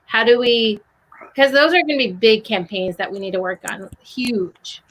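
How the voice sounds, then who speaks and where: A woman's voice: fairly high pitch, lively intonation, normal speed, a bit bright, slight background noise, low-quality recording. A woman podcaster talking earnestly and urging listeners on, in a casual discussion over a video call. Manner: earnest, urging, with many likes.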